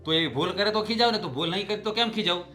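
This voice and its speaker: A man's voice: medium pitch, fairly quick, fairly bright tone, soft background music, natural voice. An actor playing a frustrated elder brother and husband who complains about his family and bickers with his wife. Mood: bickering. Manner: complaining, teasing banter. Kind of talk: family drama acting.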